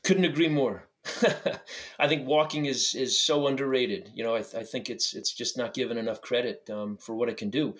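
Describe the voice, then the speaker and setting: Male expert guest, mid-pitched voice, conversational interview tone, halting phrasing. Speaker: podcast guest, doctor and author.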